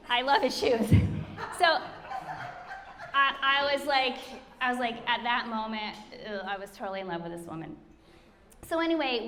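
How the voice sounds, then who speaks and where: A woman's voice: high voice, bright, forceful tone. A middle-aged woman telling a chatty, self-deprecating story to an audience, laughing often. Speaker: speaker introducing the founder. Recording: hall reverb, faint room noise.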